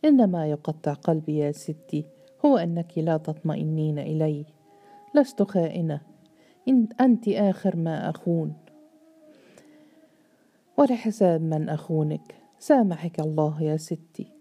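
A woman's voice: low voice, lively intonation, moderate pace, long pauses, warm tone. A woman voicing an earnest, loyal woman servant who speaks in a fervent, imploring way.

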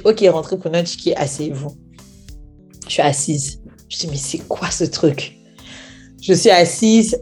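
A young woman telling a personal testimony as a story, acting out the quoted dialogue as she goes. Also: fairly low pitch. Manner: animated retelling with acted-out quoted dialogue. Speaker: speaker sharing a personal testimony.

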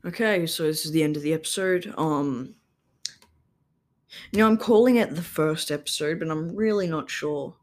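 A man's voice: on the high side, normal speed. A young man, hosting a solo podcast in a rambling, casual monologue full of ums and likes, sometimes drifting away from his home microphone. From Australia. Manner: meandering, lots of ums and likes. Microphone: home microphone, sometimes turned away.

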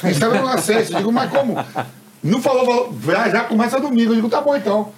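A man, a former athlete and radio commentator, telling laughing stories in casual podcast chat. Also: extremely high pitch. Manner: fast, laughing storyteller. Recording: roomy, off-mic with crowd noise.

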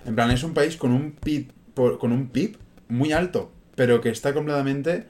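A man's voice: mid-range voice, moderate pace, a little mellow, slight background noise. A young man, co-hosting a casual chat in a chatty, slangy way. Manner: chatty, peppers lines with "tío" and "en plan". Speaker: podcast co-host.

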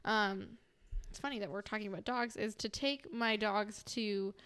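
A woman's voice: medium pitch, normal speed, a bit bright, clear, resonant tone. A young woman from Arizona co-hosting a podcast, chatting casually in a bubbly, giggly way with lots of fillers. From Arizona, USA. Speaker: podcast co-host. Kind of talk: casual chat.

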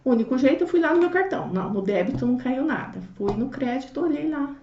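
High-voiced woman telling a story. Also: fast talker, a little hiss or hum. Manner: expressive storyteller, acts out dialogue, swings between loud and hushed. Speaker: interview guest. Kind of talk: animated personal testimony. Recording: roomy, distant, dull audio.

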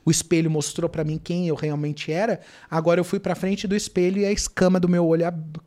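A man, a guest telling his faith testimony with dramatic retellings of his prayers and cries. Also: on the high side. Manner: dramatic, reenacts his own shouting and prayers.

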